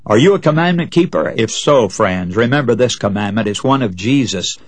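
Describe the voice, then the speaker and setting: A man's voice: medium pitch, animated, brisk, dry recording. A man preaching a sermon, telling illustrative stories and addressing listeners as friends in an earnest, folksy way.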